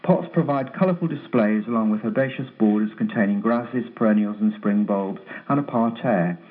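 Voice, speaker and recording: A man phoning into a radio show from a bare, freshly decorated room, his voice echoing as if in a tunnel while he briskly reads out a list of details. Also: on the low side. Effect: echoey sound like a tunnel, from a freshly decorated bare room. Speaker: regular garden events contributor. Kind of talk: phoning in to a radio show, reading a listings roundup. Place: newly decorated empty home office. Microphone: telephone. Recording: tinny phone line, echoey room.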